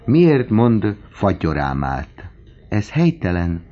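A man voicing a lively, teasing young male medical student, on a dull lo-fi recording. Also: deep voice, natural voice. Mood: playful. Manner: teasing, playful.

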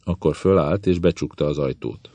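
Deep-voiced man reading a novel. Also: warm tone, no echo. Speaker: audiobook narrator. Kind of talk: first-person novel reading.

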